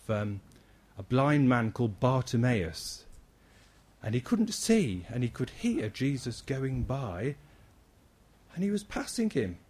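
A man giving a lively children's talk in church, acting out his points with big shouts and questions. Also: mid-range voice, husky. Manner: animated, acts out shouting for help.

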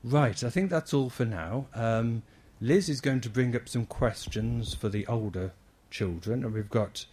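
A man giving a lively children's talk in church, acting out his points with big shouts and questions. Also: medium pitch, unhurried, few pauses, husky. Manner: animated, acts out shouting for help.

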